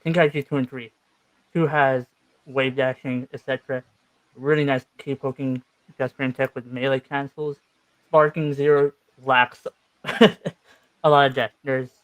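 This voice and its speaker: A man's voice: medium pitch, no echo, rough recording. A man speaking with braces in his mouth, giving his view casually as a guest in a gaming debate.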